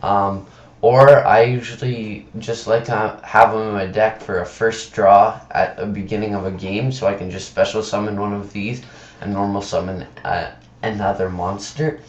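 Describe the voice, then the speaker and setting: A man giving casual commentary on a screen recording, halting and stumbling over words, sick with a sore tongue and throat. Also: little pitch movement. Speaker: presenter of card game videos. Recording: dull, roomy low-fi computer mic.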